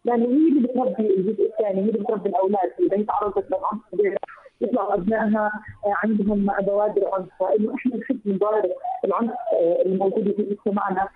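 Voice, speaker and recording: A woman's voice: medium pitch, soft background music. A woman with a Palestinian accent calling in to a radio talk show, speaking earnestly through a headset microphone over a phone line. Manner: fast, earnest, explanatory. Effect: phone call through a headset mic. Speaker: phone-in guest on women's rights. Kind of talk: call-in radio discussion. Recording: tinny husky phone line.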